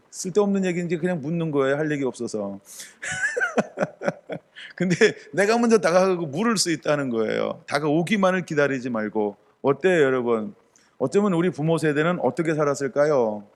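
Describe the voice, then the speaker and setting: A middle-aged male pastor preaching in a conversational way, asking the congregation questions and acting out short quotes. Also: fairly high pitch. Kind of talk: sermon.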